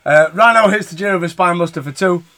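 A man's voice: high voice, fast talker, sharp tone. A British man hosting a casual, sweary podcast recap of wrestling in an informal way. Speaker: podcast host reviewing wrestling shows.

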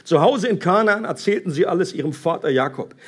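A man reading a Bible story aloud and commenting on it in a conversational, animated way with hesitations. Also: high voice, fairly quick, breathy edge.

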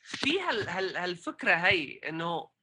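A man with a Levantine Arabic accent talking casually about tech in a halting way, mixing English terms into his speech. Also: sits high, big pitch swings, pushed and bright, a little hiss or hum. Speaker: podcast co-host.

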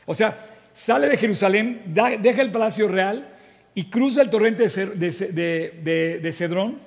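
A man preaches in a high, bright-edged voice. He reads scripture aloud and retells it with animated asides and frequent restarts. His voice carries a long reverb, as if from a church hall. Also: moderate pace, vocal fry. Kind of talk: sermon with Bible reading.

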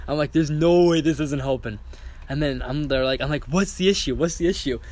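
A man's voice: fairly high pitch, a little fast, a little mellow. A young man telling a story in casual chat, acting out quotes and swearing freely. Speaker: guest storyteller.

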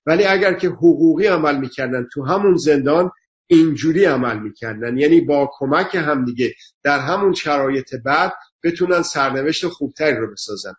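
A man talks in an earnest, lecturing way, stacking up emphatic lists and repeating his points. His voice sits a little high for a man. The sound is dull and lo-fi, like a remote call. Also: animated. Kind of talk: earnest explanatory talk.

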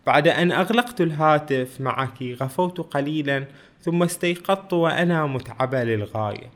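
A man's voice: fairly high pitch, close to an everyday voice. Man reading an exhausted sick mother, weary but faintly amused.

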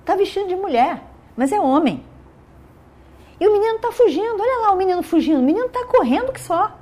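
A woman voicing a young male soldier who talks quickly and insistently. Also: sits high, big pitch swings, warm tone, voice pushed up. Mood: excited.

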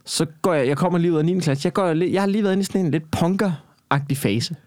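Young man, rambling storyteller in a chat, a touch high-pitched, very dry close sound. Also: darkish tone, no echo. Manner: rambling, frequent restarts and fillers, swearing. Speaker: guest telling a story.

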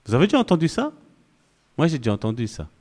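A male pastor giving an animated, conversational sermon full of asides to the congregation. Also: medium pitch, fast.

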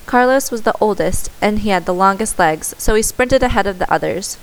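A woman reading a children's story aloud in steady scripted narration, with the odd small self-correction. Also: medium pitch, fairly quick, low-quality recording.

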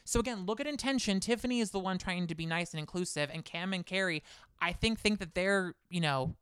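With a lowish, fairly bright, clean-toned voice, a woman co-hosting a podcast talks casually about reality TV, firing off heated, opinionated rants at speed. The recording is dry and of studio quality.

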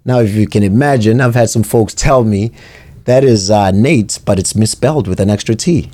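A man hosting alone, talking in an unhurried, thoughtful and personal way. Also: lowish voice, warm tone, no echo. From South Africa. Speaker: podcast host. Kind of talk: reflective solo monologue.

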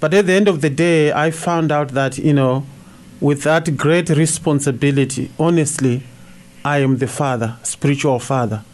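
A middle-aged Zimbabwean priest, a native Shona speaker, gives radio interview answers in a fairly high, slightly mellow voice for a man. He responds thoughtfully and haltingly, with many uhs and restarts.

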